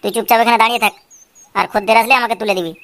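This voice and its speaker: A woman's voice: a little high, fairly even intonation, rapid-fire, a bit bright. A woman voicing a bossy, scheming adult man in a cartoon, lecturing a boy with constant checks.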